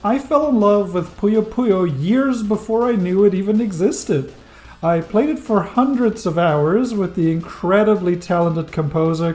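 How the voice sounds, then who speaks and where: A thirty-year-old game reviewer, not a native English speaker, narrates a scripted video-essay retrospective on a game. His voice is high-pitched and a little mellow. He delivers it wryly and enthusiastically, slipping in dry jokes.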